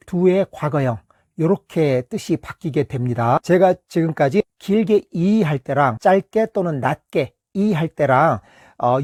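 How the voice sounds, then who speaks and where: A middle-aged man teaching English vowel pronunciation in a patient, step-by-step way, pausing often and stretching out example words. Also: fairly high pitch, no room sound, clean studio sound. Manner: patient, steady explaining with many pauses and fillers; reads words slowly and stretches them as examples. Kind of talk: explanatory lesson.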